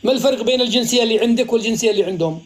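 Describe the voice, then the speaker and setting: Quick, high-voiced man from Morocco hosting. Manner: measured, advising and reassuring. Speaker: live-stream host. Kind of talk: casual live-stream chat.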